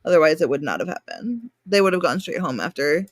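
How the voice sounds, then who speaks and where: A woman's voice: on the low side, lively intonation, brisk, no echo. Tired woman rambling on a video call. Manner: rambling, self-deprecating. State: tired, yawning. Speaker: co-host. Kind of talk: casual chat.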